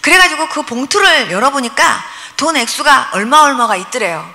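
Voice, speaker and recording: A woman pastor in her sixties shares testimony stories at a church revival meeting, speaking in a high-pitched voice and fairly quickly. She tells them with lively energy, acting out prayers and dialogue, and a long hall reverb fills the recording.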